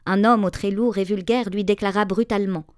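A woman's voice: medium pitch, dry recording, studio quality. Woman reading a storybook tale. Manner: measured, expressive. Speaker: narrator.

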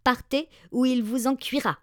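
A woman's voice: high-pitched, steady tone, moderate pace, a bit bright, no room sound, pitched above the performer's own voice. A woman voicing a curt, disdainful male servant who dismisses a beggar. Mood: dismissive. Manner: dry, dismissive.

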